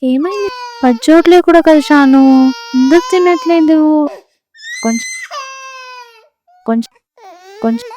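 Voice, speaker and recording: A woman's voice: high voice, expressive, measured pace, long pauses, darkish tone. A woman playing a tender, worried young mother. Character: young anxious mother of a baby. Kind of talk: short film acting.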